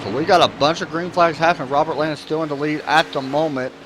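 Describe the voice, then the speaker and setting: A man's voice: on the high side, fairly even intonation, fast talker. A man hosting his own stream and giving casual, joking race commentary, sometimes chewing as he talks. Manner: laid-back, joking, talks while chewing. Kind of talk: casual sim-racing commentary. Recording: clear background noise.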